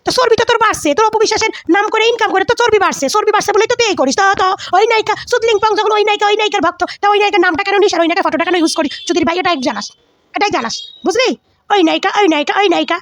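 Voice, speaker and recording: A woman's voice: very high-pitched, racing, no echo, studio quality. A woman vlogger giving heated celebrity gossip commentary, scolding and insulting with lots of repetition.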